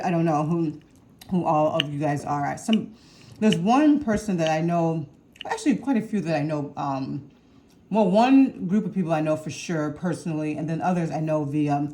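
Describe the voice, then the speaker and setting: A woman's voice: fairly low pitch, background noise. A woman vlogger chatting casually to her viewers while eating a meal at home, rambling with hums and small laughs. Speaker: cooking vlogger. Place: home kitchen or dining room with window open.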